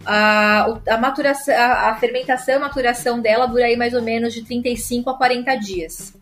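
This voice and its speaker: A woman's voice: a little high, fairly even intonation, a little fast, a bit bright, faint music behind. A woman sommelier with a Brazilian Portuguese accent, explaining at length in casual chat with many filler tags and restarts. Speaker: sommelier guest.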